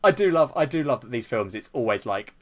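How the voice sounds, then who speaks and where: A man in a relaxed podcast chat, his voice sitting at an ordinary middle pitch. He talks with animated energy, acting out beeps and noises. Swearing slips in casually. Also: fairly quick. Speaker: podcast co-host. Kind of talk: casual film discussion.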